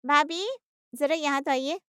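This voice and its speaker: A woman voicing a sharp, quick-witted adult daughter who questions briskly. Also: fairly high pitch, clean tone, no echo, clean studio sound, lightly acted. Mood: probing.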